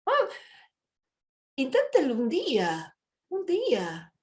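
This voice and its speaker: A woman's voice: sits high, huge pitch swings, slow pace, a little mellow. A woman, teaching a live online workshop in a chatty way, checking in with her listeners and acting out small scenes. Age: 50s. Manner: conversational, asks "¿sí?" often, acts out little quoted scenes.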